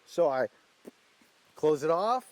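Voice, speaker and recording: A man's voice: fairly high pitch, animated, slow, a little mellow, dry recording. A man giving a casual, folksy hands-on lesson as a goose calling instructor.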